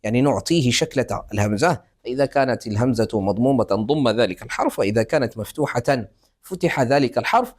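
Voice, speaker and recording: A man teaching a Quran recitation lesson on tajweed, explaining rules and drawing out example words slowly and deliberately. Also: mid-range voice, expressive, darkish tone. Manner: slow, deliberate examples with restarts.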